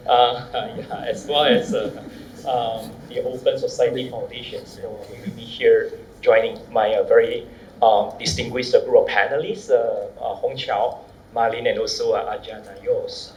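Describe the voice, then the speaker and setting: A man with a Malaysian accent giving a semi-formal panel presentation, courteous and measured, in halting phrases. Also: mid-range voice, darkish tone. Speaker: academic panelist. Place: echoey conference room. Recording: echoey room with faint noise.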